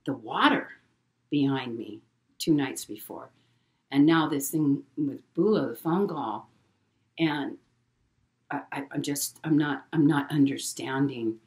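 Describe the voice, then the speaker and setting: A middle-aged woman telling a personal story in a halting way, repeating words and using many fillers. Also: low-pitched, expressive. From Hawaii. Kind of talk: casual spoken storytelling.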